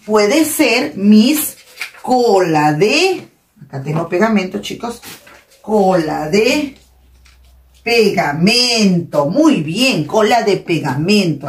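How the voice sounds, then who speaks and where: Woman teacher, Peruvian Spanish accent, slow and drawn out, lively pitch, echoey room, mic a little off. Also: distant mic. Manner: encouraging, praising often, slow and drawn out. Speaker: primary school teacher. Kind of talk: recorded online class review.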